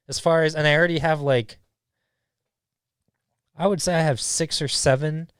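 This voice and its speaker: A man hosting his own podcast in casual chat, rambling and laid-back with many restarts, sounding high. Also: no echo, studio quality. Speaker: podcast host. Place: studio.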